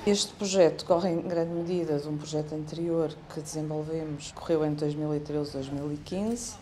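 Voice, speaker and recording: A woman researcher with a European Portuguese accent, explaining her project in a measured way. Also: low-pitched, fairly even intonation, crowd noise. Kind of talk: explanatory interview.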